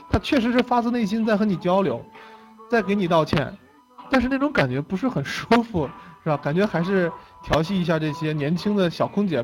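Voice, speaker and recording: A young man with a fairly high voice tells stories in a relaxed lecture. He is chatty, laughs easily and tags his lines with quick "OK"s. Faint music plays softly behind him. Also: low-quality recording. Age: young adult. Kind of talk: casual storytelling lecture.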